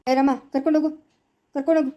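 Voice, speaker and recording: A woman's voice: high voice, flat delivery, racing, lo-fi sound, lightly acted. A woman with a Chikkaballapura-area Kannada accent voicing a stern older village man who comforts and commands, vowing revenge, in a family village drama. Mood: scolding. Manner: commanding, reassuring, threatening.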